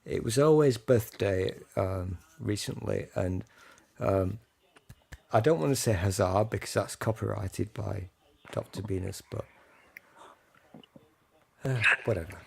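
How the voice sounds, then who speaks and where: A man's voice: fairly low pitch, measured pace, creaky, long pauses, darkish tone, slightly rough. A man co-hosting a podcast in casual comedy chat, full of crude teasing jokes. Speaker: podcast co-host.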